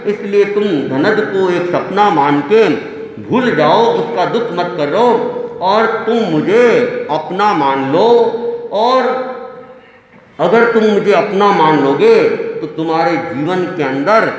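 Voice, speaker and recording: A man's voice: sits high, expressive, slow pace. A man voicing a persuasive male merchant who soothes a grieving princess, in a storytelling sermon. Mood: consoling. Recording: echoey hall reverb.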